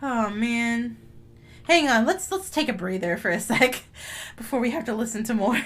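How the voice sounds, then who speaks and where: A woman's voice: a little high, normal speed, fairly bright tone. A woman streamer giving casual live-stream commentary over a game, playful and giggly, with dramatic reactions.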